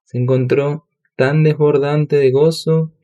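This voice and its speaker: Slow, mellow male audiobook narrator. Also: fairly high pitch, fairly even intonation. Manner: measured, solemn reading. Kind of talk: scripted narration.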